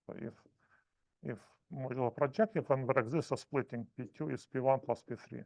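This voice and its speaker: A man giving a math seminar lecture, explaining in halting, self-correcting phrases. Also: medium pitch, steady tone, gravelly, darkish tone, no echo.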